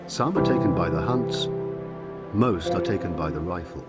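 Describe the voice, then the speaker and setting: A man narrating a nature documentary from a script in a measured, formal way. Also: low-pitched, expressive, over loud music.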